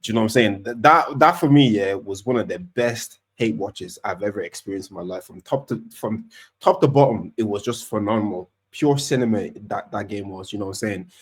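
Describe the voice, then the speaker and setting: A man co-hosting a casual football podcast, talking in an animated, rambling way with many restarts. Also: fairly low pitch, brisk, husky. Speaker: podcast co-host, Arsenal fan.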